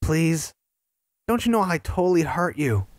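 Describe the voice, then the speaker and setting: Sonic, a woman playing an excitable hedgehog hero. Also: low voice, a little slow, no echo, clean studio sound. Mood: eager. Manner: excitable, bouncy, eager. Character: upbeat male hedgehog hero, young, excitable. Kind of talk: fan audio drama acting.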